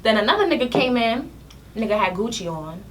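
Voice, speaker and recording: A woman's voice: on the high side, fairly quick. A young woman, a podcast guest telling stories in slangy, laughing casual chat. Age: young adult. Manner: animated storytelling full of slang and laughter. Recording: distant mic with faint room noise.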